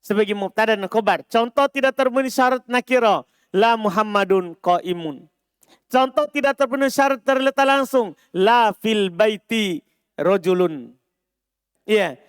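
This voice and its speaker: A man leads a grammar class in a high, smooth, resonant voice. He drills examples slowly and keeps asking whether his students have followed. The sound is close and dry, with no room echo. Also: a bit bright. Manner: repeats key points and checks understanding with quick questions; slows down to spell out example phrases. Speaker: Arabic grammar teacher.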